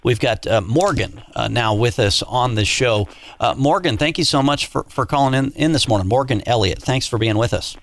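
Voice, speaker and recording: A man hosting a radio talk show, interviewing a caller in a halting way with many fillers and restarts. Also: medium pitch, lively intonation. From Montana.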